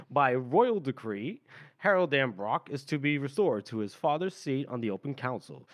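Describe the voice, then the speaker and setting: A man reading aloud the lines of a smug, sarcastic male court official in a dry, mocking tone. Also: mid-range voice.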